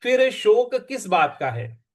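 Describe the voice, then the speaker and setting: A man leads a slow recitation lesson, breaking each word into syllables and marking where the stress falls. His voice sits fairly high for a man. He chants the lines unhurriedly between plain explanations. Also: big pitch swings. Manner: spells out syllables and stresses patiently, chants verses. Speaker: Sanskrit scripture teacher.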